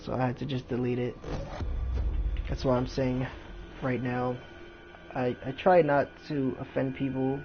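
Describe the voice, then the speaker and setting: A man's voice: mid-range voice, level tone, unhurried, pauses often, music in the background. A man chatting casually over gameplay as a streamer, with slightly slurred articulation from an overbite, in slangy, repetitive phrasing. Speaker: video game streamer. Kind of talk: casual gameplay commentary, rambling chat. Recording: noisy, dull home stream audio.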